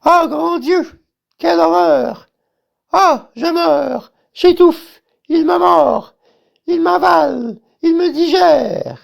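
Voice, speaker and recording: A woman playing the scheming, mocking wife of a buffoon tyrant in a stage farce, shrill and exclamatory. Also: takes it slowly, gravelly, full character voice. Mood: panicked. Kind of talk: theatrical farce acting.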